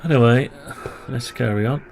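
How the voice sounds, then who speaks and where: A man's voice: mid-range voice, moderate pace, vocal fry, darkish tone, a little hiss or hum. A man presenting a programming tutorial, thinking aloud as he works and grumbling wryly to himself. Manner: muttering, wry grumbling asides. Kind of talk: thinking aloud while working on screen.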